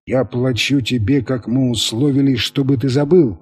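Guy doing a nasty angry boss threatening someone, husky and low, curt. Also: fairly even intonation, normal speed, darkish tone, close to an everyday voice. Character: menacing, furious male boss threatening an old man.

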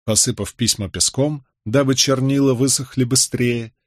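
A man narrating an audiobook in the first person, measured and even, on a close studio mic. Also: mid-range voice, no echo.

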